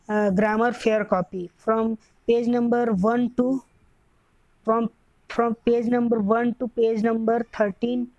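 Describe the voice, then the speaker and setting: Slow-speaking Indian English woman teacher. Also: fairly high pitch, darkish tone, no room sound, lo-fi sound. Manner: slow, repeats and corrects herself. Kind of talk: grammar lesson.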